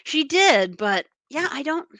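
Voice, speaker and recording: Bright, animated woman author; candid guest, close dry mic. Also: high voice, measured pace, no room sound. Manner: animated, laughs often, candid. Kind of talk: casual interview chat.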